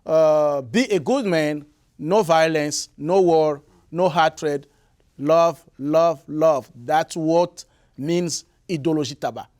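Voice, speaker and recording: Speaking haltingly as a guest musician, a man from the Republic of the Congo keeps restarting and filling pauses as he answers interview questions. Lari is his first language, the setting is a radio or TV studio, and his slightly high voice carries a darkish tone.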